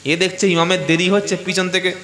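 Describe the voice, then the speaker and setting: A man preaches a sermon, his voice pitched unusually high. He quizzes his listeners and slips into chanted recitation. The sound rings with the echo of a large hall. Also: fairly quick. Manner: animated, quizzes the crowd and chants Arabic recitations. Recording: echoey hall.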